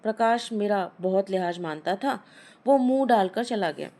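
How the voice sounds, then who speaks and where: A woman storyteller reading a Hindi short story aloud in a measured, expressive narration. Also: medium pitch.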